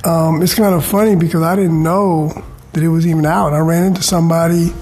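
High-voiced middle-aged man chatting informally. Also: steady tone, fairly quick, darkish tone, breathy edge, soft background music. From California, United States. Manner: conversational, informal, often says "you know" and "man". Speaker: interview guest. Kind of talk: casual chat. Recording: faint background noise.

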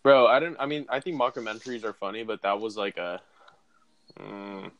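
A man's voice: on the low side, fairly even intonation, fairly quick, a bit bright, no room sound, dull audio. A man co-hosting a podcast, joking and swearing loosely in casual movie chat. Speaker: podcast co-host.

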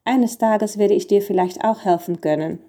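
A tiny male elf from a storybook, cranky at first but kindly underneath, put on by a woman. He talks slowly in a lowered, grumbling voice. The tone stays soft and mellow. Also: close to an everyday voice. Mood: lecturing.

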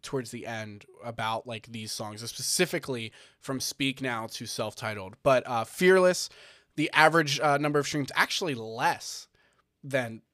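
A man's voice: medium pitch, normal speed, sharp tone, dry recording, studio quality. A man co-hosting a casual chat show, rambling with lots of fillers and restarts as he reads out figures. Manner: rambling, many fillers and restarts, reading numbers. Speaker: podcast co-host.

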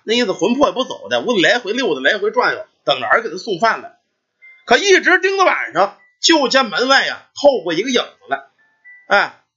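A man telling a ghost folk tale in a lively, chatty style full of asides. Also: high voice, breathy edge. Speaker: storyteller. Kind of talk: oral folk storytelling. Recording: dull lo-fi recording.

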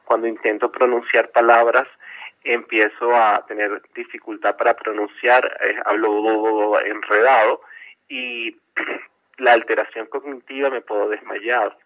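Doctor guy on the radio, bright voice, patient, says things twice so you get it. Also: mid-range voice, steady tone, normal speed, poor audio. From not from Chile. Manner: patient, explanatory, repeats himself to be clear. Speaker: medical doctor guest. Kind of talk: explaining to a radio host. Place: radio interview.

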